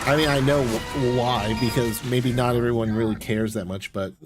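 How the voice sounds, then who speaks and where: Over music and game sounds, a male streamer rambles offhandedly as he plays, his mid-range voice steady and moving at normal speed. The background game noise comes through clearly.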